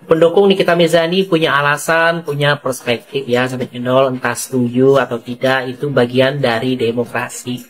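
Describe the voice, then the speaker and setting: Gossip channel narrator, reads a script, keeps asking the viewers rhetorical stuff, middle pitch. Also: fairly even intonation, moderate pace. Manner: rhetorical, addresses viewers directly.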